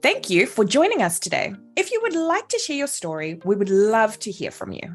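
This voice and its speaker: A woman co-hosting a podcast, reading the closing remarks in a lively, expressive way. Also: mid-range voice, a little fast, faint music behind. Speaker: podcast co-host. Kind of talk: podcast outro.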